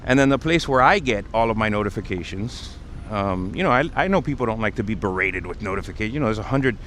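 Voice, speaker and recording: This livestream host talks fast and expressively in a lowish, fairly bright voice. Out on a city street, he explains things in a casual, conversational way, with passing vehicles, traffic, and urban ambience behind him.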